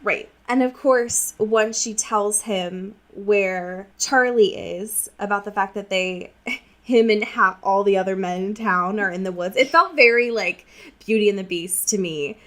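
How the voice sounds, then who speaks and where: A woman co-hosts a podcast discussing a book casually, her mid-range voice unhurried and a bit bright. She recaps in a wry, informal, slangy style, acting out lines as she goes.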